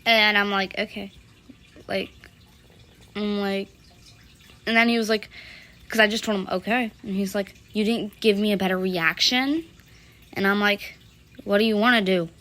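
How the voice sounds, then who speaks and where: A young woman narrates a casual story in a bright, sharp voice, her pitch sitting mid-range for a woman. She rambles along, full of "like" and "whatever", and slips loosely into the other people's lines. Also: steady tone, moderate pace, pauses often. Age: young adult. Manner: rambling, valley-girl fillers, quotes others loosely.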